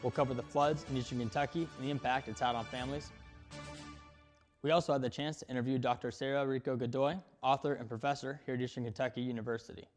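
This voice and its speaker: A man's voice: medium pitch, steady tone, fast talker, soft background music. A man anchoring a student news broadcast, reading scripted lines and interviewing a guest.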